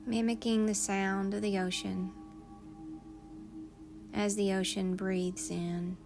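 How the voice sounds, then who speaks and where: Music runs in the background while a woman with a mid-range voice leads a meditation. Her delivery is flat yet soothing and unhurried, broken by long pauses between phrases.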